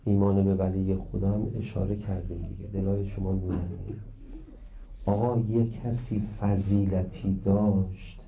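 A middle-aged man preaching a religious sermon, emphatic and impassioned, mixing teaching with stories and swinging between loud and hushed. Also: low voice, a little hiss or hum.

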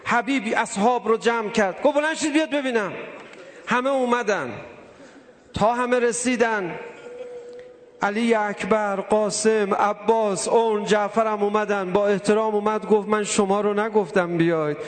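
Man, preacher, emotive mourning sermon, soft pleading to raised cries, high-pitched, echoing hall. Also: steady tone.

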